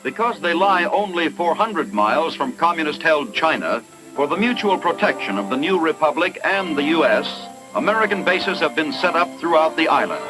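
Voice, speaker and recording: A man's voice: a little high, lively intonation, normal speed, rough recording. A man narrating an old newsreel in an emphatic announcer delivery, played from archival newsreel audio. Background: music.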